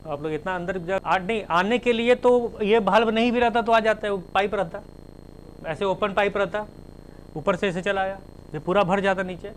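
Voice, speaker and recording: Male lecturer, slightly high voice, methodical classroom delivery, spells terms out, faint room noise. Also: fairly even intonation, moderate pace, poor audio. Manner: spells terms letter by letter, explains with everyday examples. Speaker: teacher.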